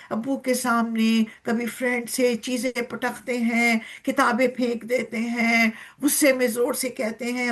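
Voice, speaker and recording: A woman with a Pakistani Urdu accent teaching a poem to children, storytelling in an animated way and asking them questions. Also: on the high side. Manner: animated, voices the cow's complaints and asks children questions.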